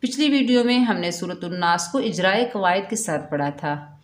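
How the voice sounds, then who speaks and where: Woman, patient recitation teacher, chanted drawn-out words, roomy echo. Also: fairly low pitch, animated. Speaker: Quran tajweed teacher. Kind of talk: step-by-step recitation lesson.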